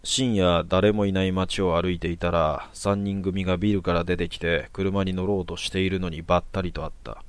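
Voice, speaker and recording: A man calmly reading out short horror stories in a matter-of-fact manner. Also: low voice, normal speed, few pauses, clear, resonant tone, dry recording. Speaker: storyteller. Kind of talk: narrated horror story.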